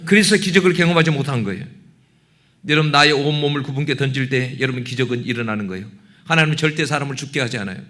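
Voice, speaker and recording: A man's voice: on the high side, a bit bright. A middle-aged man preaching a sermon as pastor in a church, emotional and rising into passionate appeals full of rhetorical questions. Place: church sanctuary.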